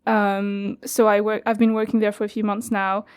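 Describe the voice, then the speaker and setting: A French woman in her twenties, a youth radio studio coordinator, chats casually as an interview guest with frequent laughs and fillers. Her medium-pitched voice has a clean tone and a flat delivery at normal speed.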